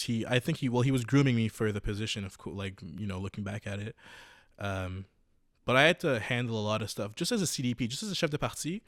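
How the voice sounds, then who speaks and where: Speaking in a mid-range voice, a twenty-something podcast host shares his own story casually and haltingly, with plenty of fillers and restarts. The sound is clean studio quality, without echo.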